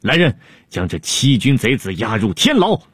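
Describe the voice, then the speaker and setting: A man voicing a stern, suspicious male ancient emperor who commands and mocks, with a husky voice. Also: mid-range voice, big pitch swings, moderate pace, a bit bright, dry recording. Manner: commanding, sarcastic.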